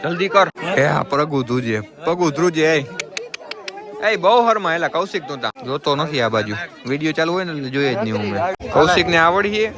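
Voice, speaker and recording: A man, his voice sitting a touch high, cracks jokes and teases his friends while filming a wedding on a handheld phone. He talks over the thick chatter of a wedding crowd outdoors. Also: expressive, fairly quick. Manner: teasing, joking banter with friends. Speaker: vlogger. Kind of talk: casual handheld wedding vlog. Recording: loud crowd chatter around.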